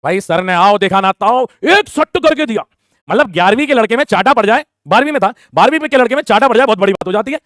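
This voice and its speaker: Talking fast in a fairly high voice for a man, a young guy shares a school anecdote casually, jumping into quick character voices for his teacher and classmates. It's recorded close and dry, echo-free.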